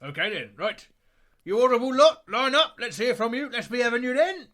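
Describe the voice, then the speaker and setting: A man's voice: sits high, fast talker, fairly bright tone, voice pushed up. A man voicing an eager male station underling who barks orders at the crew and keeps calling his boss "sir". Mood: bossy. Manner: barking orders, deferential "sir".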